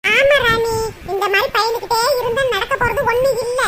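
Woman doing a bossy squeaky village auntie. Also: fairly quick, a bit bright, a little hiss or hum. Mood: gossipy. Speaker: cartoon voice. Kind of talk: cartoon comedy dialogue.

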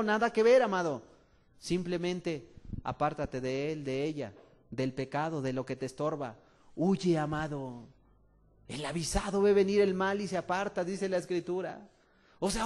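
A man with a Mexican accent preaching a sermon with passion, moving between quiet asides and loud, urgent appeals to his listeners. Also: high voice. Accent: Mexican Spanish. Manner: impassioned, swings from soft asides to shouting; addresses listeners as "amado".

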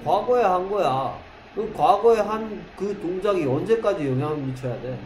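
A man's voice: sits high, lively intonation, darkish tone, soft background music. Man teaching English in an echoey classroom. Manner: questioning, drills students with rhetorical questions; reads English examples slowly, word by word. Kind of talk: classroom grammar lesson. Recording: echoey classroom with faint noise.

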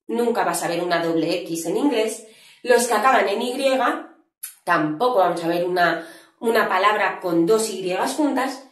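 A woman's voice: medium pitch, roomy sound. A Spanish woman with a Spain accent teaching an English grammar lesson in an upbeat, chatty way, talking straight to her viewers.

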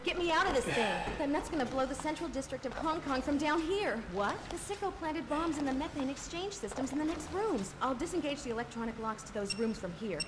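A woman's voice: high voice, animated, a little fast, hardly any pauses. A woman playing an urgent female action heroine in a video game. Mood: urgent, angry. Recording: game audio under music.

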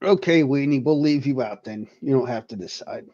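A man's voice: mid-range voice, fairly quick, dark tone, no room sound. Mocking man co-host on dull lo-fi audio. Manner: crude, mocking. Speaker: livestream co-host. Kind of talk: casual livestream chat.

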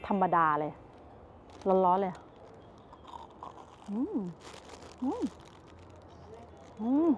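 A woman's voice: mid-range voice, lively intonation, extremely slow, long pauses. A woman in her thirties chatting to viewers as she tastes snacks and browses a market, filmed outdoors at arm's length. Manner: chatty, tasting and commenting, talks to viewers. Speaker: travel vlogger. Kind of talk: casual food and market vlog. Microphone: handheld camera at arm's length. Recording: muffled outdoor recording with street noise.

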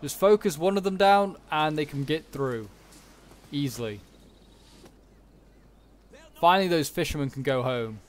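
A man's voice: a little high, a little slow, pauses often. A man giving casual commentary on a strategy game battle, thinking aloud as he watches. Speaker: gaming commentator. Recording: noticeable background noise, game ambience. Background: video game battle ambience.

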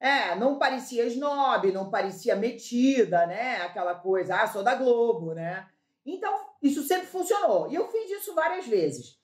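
A woman from Brazil telling a comic story as a talk-show guest, acting out the dialogue with lively energy. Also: a little high, normal speed, roomy sound. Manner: animated, acts out quoted dialogue, laughs while telling.

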